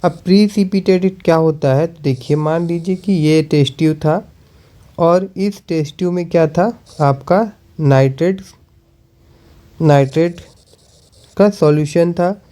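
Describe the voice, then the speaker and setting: Man teaching chemistry, warm, mellow voice, repeats key points. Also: a little high. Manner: repeats questions and answers them, slow while writing. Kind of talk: chemistry lesson.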